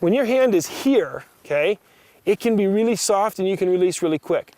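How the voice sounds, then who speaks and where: A man with a fairly high voice works as a riding instructor. He projects brisk commands to a student, then explains in plain, practical terms. The sound is dry and close, with no room ring. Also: expressive, dark tone, no echo. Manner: short directives mixed with plain practical explanation.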